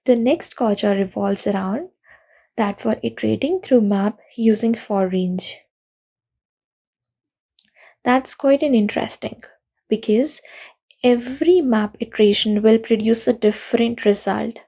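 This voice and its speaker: At a programming conference, a young woman works through technical pitfalls one at a time in a recorded talk, earnest and steady. Her voice sits a little high yet has a mellow, dark tone, with heavy gravelly fry at phrase ends. She speaks a little slowly with long pauses, and her first language is not Russian.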